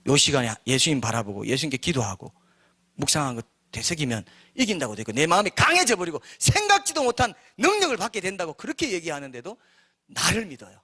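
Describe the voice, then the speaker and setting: A male pastor preaching a sermon in an animated, joking way, acting out voices as he goes. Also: fairly high pitch.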